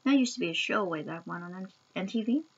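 In a small room at home, a young woman doing a candy taste challenge chats to a webcam at arm's length while eating sour candy. She speaks fast and animated in a mid-range voice, and the recording sounds muffled.

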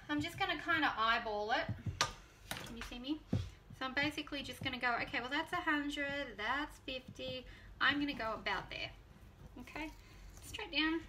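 A home cooking vlogger in her thirties chats casually with viewers while she cooks in her kitchen, giving an easygoing demonstration. Her voice sits high, and the audio is recorded from a distance with a lot of noise.

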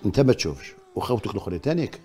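Rapid, lively older Algerian man questioning. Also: lowish voice, faint music behind. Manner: probing, insistent, repeats questions. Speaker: talk show host. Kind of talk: studio talk show questioning. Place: TV studio.

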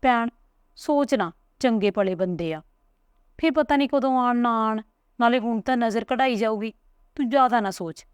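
A woman's voice: a little high, clear, resonant tone, no room sound, studio quality, voice pushed up, close to an everyday voice. A woman voicing a scheming middle-aged aunt who presses her point in a hurry. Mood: insistent. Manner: hurried, pressing.

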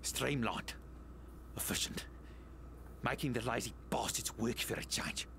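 A gravelly, bitter survivor. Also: male voice, mid-range voice, unhurried, a bit bright, slight background noise. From South Africa. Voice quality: gravelly, curses. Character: bitter, unravelling adult male survivor. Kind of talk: video game voice acting.

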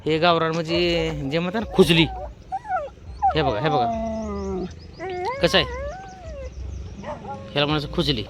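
Walking his dog on an outdoor road, this male vlogger talks to the camera in a fairly high, expressive voice at a measured pace with frequent pauses. His commentary is chatty and casual, and he calls out to shoo off surrounding dogs. Faint outdoor noise is audible.

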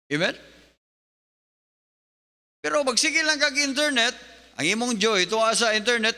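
A male pastor preaching an animated sermon, mixing in English. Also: very high-pitched, unhurried, clean tone. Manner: animated preaching, switching between Bisaya and English. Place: church hall. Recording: long hall reverb.

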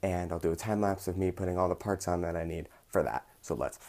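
A man's voice: low-pitched, fast talker. A young man chatting upbeat in a casual vlog from a small bedroom, with lots of ums. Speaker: vlogger.

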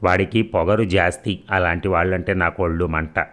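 A man's voice: low-pitched, fairly even intonation, moderate pace, a bit bright. A man reading the lines of a stern, proud mother who scolds curtly. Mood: curt, scolding. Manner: curt and scolding. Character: stern proud middle-aged mother, sharp-tongued.

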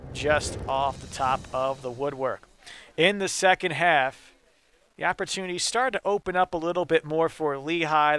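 A young man recapping college soccer highlights in a brisk play-by-play manner, speaking from a stadium broadcast booth. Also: pushed and bright, smooth, dry recording. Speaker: postgame highlights commentator. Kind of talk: sports highlights commentary.

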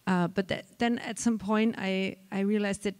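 A middle-aged woman, speaking reflectively on a theater stage into a handheld mic, with many pauses. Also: medium pitch, steady tone, smooth. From Austria. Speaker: film director. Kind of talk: festival panel talk.

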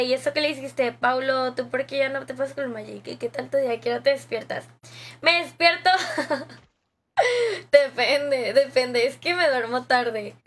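A woman's voice: high-pitched, a bit bright. Chatty young Mexican woman streamer. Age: young adult. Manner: chatty, slangy, laughs often. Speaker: gaming streamer. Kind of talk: casual live-stream chat reading viewer comments.

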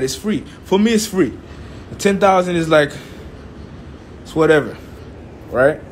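High-voiced young man, phone vlog. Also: a little hiss or hum. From Haiti. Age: young adult. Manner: emphatic, repeats phrases, asks "right?" often. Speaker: forex trading vlogger. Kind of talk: casual motivational talk to camera. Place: indoors at home, small room. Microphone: phone held at arm's length.

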